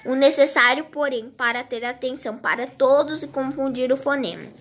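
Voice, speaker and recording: A woman reading a grammar lesson aloud in a slow, halting way, restarting words as she goes. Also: high-pitched, fairly bright tone. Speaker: teacher.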